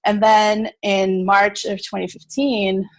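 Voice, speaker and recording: A woman in her thirties, originally from South Africa but with an American accent, casually tells her story as a podcast guest. She's chatty, full of fillers, and laughs easily. Her medium-pitched voice is level and unhurried, with no room sound.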